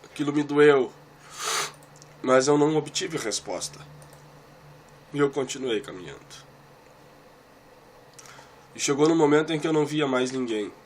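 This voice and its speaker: A man's voice: fairly high pitch, a little slow, pauses often, slight background noise. A man giving a personal religious testimony about a vision. He speaks earnestly and emotionally to one listener and repeats his phrases. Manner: talks straight to one listener.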